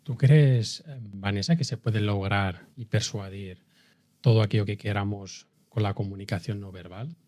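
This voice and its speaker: A man hosting a podcast speaks in a low, fairly deep voice. He asks his guest questions casually and often closes them with a tag question. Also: normal speed, darkish tone. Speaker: podcast host. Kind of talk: interview questions.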